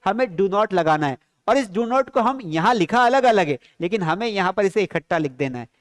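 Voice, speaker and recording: A man with a high voice gives a live-streamed English lesson from a close mic, and the sound is dry and dead. He drills everyday sentences and asks his students the same questions again and again. He slows right down on each English phrase. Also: expressive, no echo. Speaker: spoken English teacher.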